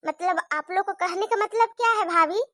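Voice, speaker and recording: A very high, bright young daughter played by a woman, quick to complain and tell tales. She picks at her sisters-in-law in a cartoon story. The sound is dry and close. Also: dry recording. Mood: whiny. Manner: complaining, tattling. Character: young married daughter, sharp-tongued.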